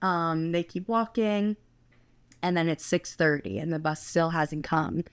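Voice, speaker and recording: A woman's voice: low voice, steady tone, measured pace, clean tone, no room sound. A young woman co-hosting a podcast, telling a travel story in a chatty way full of fillers. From United States. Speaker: podcast co-host.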